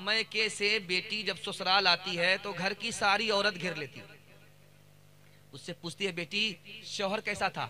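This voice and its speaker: Male mufti, sermon storyteller, very high and bright, rhythmic repeating delivery. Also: fairly even intonation, measured pace. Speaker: mufti giving a religious talk.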